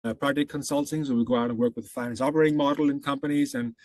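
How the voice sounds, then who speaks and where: A man's voice: medium pitch, fairly even intonation, racing, darkish tone, dry recording. A man from Denmark with a Danish accent, a guest consultant answering thoughtfully in a casual interview. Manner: thoughtful, with frequent fillers and restarts.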